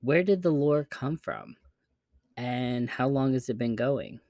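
A man's voice: mid-range voice, lively intonation, takes it slowly, creaky, darkish tone, no echo, clean studio sound. A man hosting a podcast, reading articles aloud in scripted narration. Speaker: podcast host.

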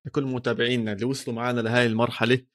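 Male sports podcast co-host, Levantine Arabic accent, very rapid delivery, casual bantering style. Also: medium pitch, flat delivery.

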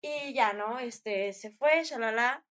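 A woman's voice: on the high side, slow pace, a bit bright. A young woman with a Mexican Spanish accent, chatting casually and rambling through a story with slangy fillers.

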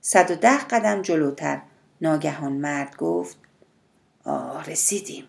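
A woman's voice: low voice, expressive, vocal fry. Woman narrating an audiobook.

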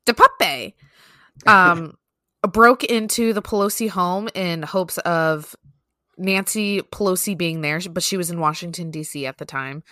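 Young woman, bright voice, dry close mic, playful, laughing, casual chat. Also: fairly low pitch, a little slow, no echo. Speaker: podcast co-host.

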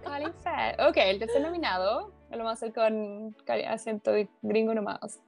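A woman's voice: a little high, normal speed, creaky, darkish tone, faint music behind. A Chilean woman co-hosting an award-style podcast segment, chatty and playful with frequent giggles. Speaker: podcast co-host. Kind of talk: casual chat.

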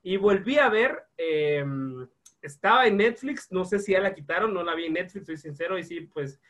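A man chats loosely on a podcast, wandering through his points and cursing as he goes. His voice sits notably high for a man. He keeps it relaxed and unhurried, never polished. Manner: rambling, laid-back, swears freely. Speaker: podcast co-host. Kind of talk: casual chat.

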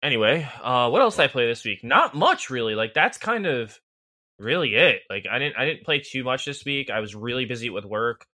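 A man's voice: mid-range voice, expressive, a little fast, sharp tone, dry recording, clean studio sound. A man co-hosting a casual gaming podcast, rambling and filling his talk with "like". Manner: rambling, heavy on "like". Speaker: podcast co-host.

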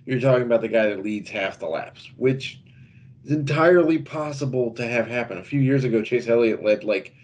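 A male podcast co-host with a voice of middling pitch talks through race picks in relaxed, casual chat. He talks quickly and breaks into easy laughs. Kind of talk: casual sports betting chat.

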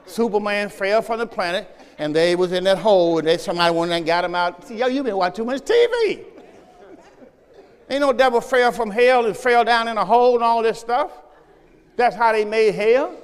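A pastor preaching a lively sermon, shouting one moment and dropping low the next, talking straight to his congregation. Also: big-room sound.

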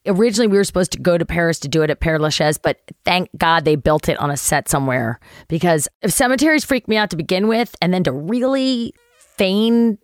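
A middle-aged woman recounts a story as a guest, lively and expressive, leaping high in pitch when she imitates other people. Her voice sits mid-range and sounds close and dry, with no room around it. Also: fairly quick, dry recording. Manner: animated, jumps high when acting out others' lines. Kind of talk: casual storytelling anecdote.

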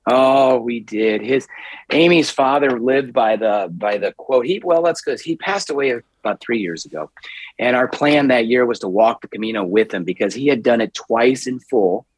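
A man with a husky, slightly rough voice tells stories as an interview guest. He rambles and restarts often, and he grows animated as he goes. The recording is close and dry, with no room sound. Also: mid-range voice, normal speed, no room sound. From United States. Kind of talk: storytelling in a podcast interview.

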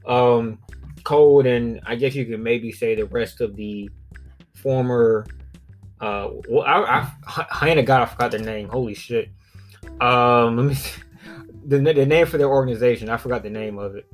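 A man's voice: medium pitch, normal speed, soft background music. A man from southern Alabama with a Southern US accent, hosting a podcast solo in a rambling, conversational, profanity-sprinkled way. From southern Alabama, United States. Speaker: podcast host. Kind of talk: casual solo podcast commentary.

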